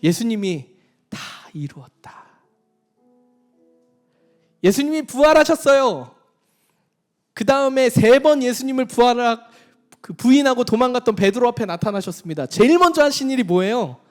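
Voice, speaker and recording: High-voiced pastor preaching, hushed to emphatic. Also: male voice, expressive, a little fast, soft background music. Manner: swings between hushed near-whispers and raised emphatic preaching; acts out quoted voices in his own voice. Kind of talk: sermon.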